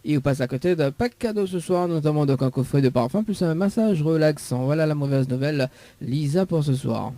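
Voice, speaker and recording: A man's voice: on the high side, brisk, mellow, no echo. A man with a Réunion accent hosting a live call-in radio game, joking and teasing the caller and laughing often. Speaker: radio host.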